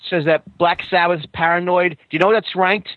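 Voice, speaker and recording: A man co-hosting a podcast who calls in over a poor phone line that sounds like a payphone, asking deadpan questions and repeating his host's name before each one. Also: high-pitched, a little slow, no room sound. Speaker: podcast co-host. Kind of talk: deadpan running gag chat. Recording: dull lo-fi phone call.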